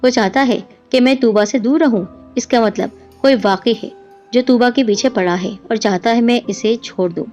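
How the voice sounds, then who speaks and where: A woman voicing a worried young husband who speaks calmly and soothingly. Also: fairly high pitch, lightly acted. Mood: uneasy. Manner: calm, soothing. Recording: dull lo-fi with music behind.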